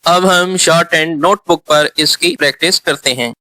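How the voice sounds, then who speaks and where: Man with a bright voice walking through pen strokes, dry close sound. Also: a little high, moderate pace, no echo. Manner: explains pen strokes as he writes. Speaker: shorthand teacher. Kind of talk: demonstration lesson.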